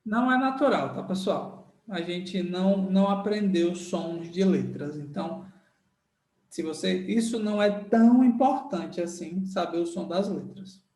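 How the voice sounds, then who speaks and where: A man with a Brazilian Portuguese accent teaches letter sounds in a slow, high voice, drawing each one out and asking "right?" along the way. The recording is echoey and roomy, with the voice sitting a bit back from the microphone. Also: recorded from a distance. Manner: repetitive, emphatic teaching, checking in with "certo?" and "tá?"; sounds out letters slowly and loudly. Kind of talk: recorded online lesson. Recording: roomy echo, voice a bit off-mic.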